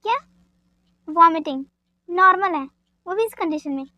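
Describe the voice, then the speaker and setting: A woman's voice: very high voice, animated, normal speed, no room sound, lo-fi sound. A woman doing a fretful young woman. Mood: insistent. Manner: pleading, emotional. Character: anxious, caring young woman, quick to anger. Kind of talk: fan dub drama reading.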